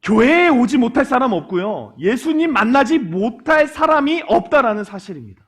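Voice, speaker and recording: Casting: male pastor, very high voice with a lot of swing, lively sermon to a youth group, quizzes the room, jokes along the way. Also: moderate pace, husky. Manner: lively, asks the congregation questions and acts out quoted lines; joking asides.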